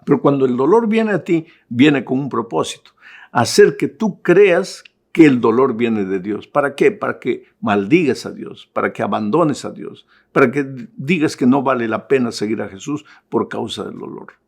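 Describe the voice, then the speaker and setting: A middle-aged male pastor giving an impassioned Bible study sermon, driving points home with emphatic repetition and swinging between loud appeals and hushed tones. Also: medium pitch, lively intonation, normal speed, vocal fry.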